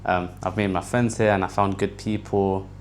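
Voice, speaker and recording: A man's voice: deep voice, little pitch movement, normal speed, a little hiss or hum. A twenty-year-old man, giving candid, reflective interview answers.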